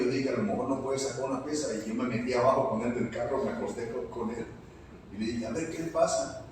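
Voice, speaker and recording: Mexican pastor preaching in an echoey hall. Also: male voice, mid-range voice, noisy background. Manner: storytelling, addresses congregation as brothers. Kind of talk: sermon with personal story. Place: church hall. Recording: echoey church hall from far off.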